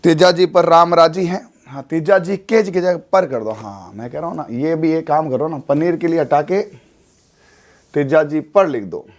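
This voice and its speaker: A man gives a classroom lecture for exam students. His voice sits a little high. He talks in a relaxed, chatty way, firing short questions and answering them himself. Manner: chatty, repeats and quizzes with quick questions. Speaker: exam coaching teacher.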